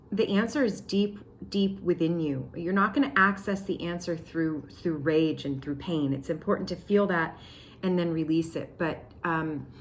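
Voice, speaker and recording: A young woman giving a tarot reading to her viewers, excitable and slangy, talking straight to them. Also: deep voice, slight background noise. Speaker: tarot reader. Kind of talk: casual tarot reading to camera.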